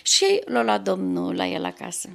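Gravelly older woman giving earnest testimony. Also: fairly low pitch, wildly swooping pitch. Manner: earnest, devout storyteller with rising emotional peaks. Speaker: interviewee sharing her faith testimony. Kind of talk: emotional personal testimony.

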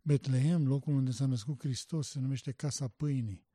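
Male preacher, dark warm voice, passionate emphatic delivery, dry recording. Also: medium pitch, fairly even intonation, dry recording. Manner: emphatic, rising to loud passionate stress; rhetorical questions. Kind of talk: sermon.

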